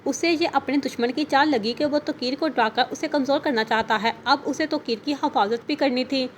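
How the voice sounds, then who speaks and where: A woman narrating an audio novel in a steady storytelling manner. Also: sits high, normal speed, slight background noise.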